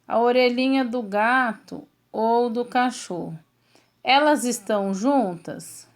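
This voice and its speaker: A woman's voice: a little high, slow pace. A woman teacher with a Brazilian Portuguese accent, patiently walking pupils step by step through a textbook exercise and checking in with them often. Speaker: schoolteacher. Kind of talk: recorded remote lesson going through a textbook.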